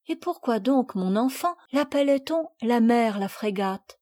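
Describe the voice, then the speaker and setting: Gentle, composed noblewoman in a storybook, read by a woman; soft, dry, close. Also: on the high side, expressive, measured pace, no room sound. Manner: gentle and motherly. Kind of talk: audiobook character reading.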